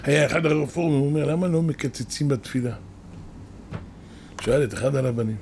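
A man's voice: mid-range voice, a little mellow, a little hiss or hum. A man, a rabbi, giving a sermon, telling stories with rising emphatic bursts.

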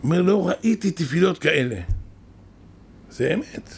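A man's voice: fairly high pitch, lively intonation, creaky, darkish tone, slight background noise. A man, a rabbi, giving a sermon, telling stories with rising emphatic bursts.

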